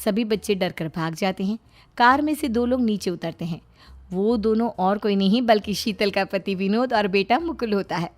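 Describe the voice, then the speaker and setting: A woman narrating a cartoon family story in an even, storytelling manner. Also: mid-range voice, normal speed.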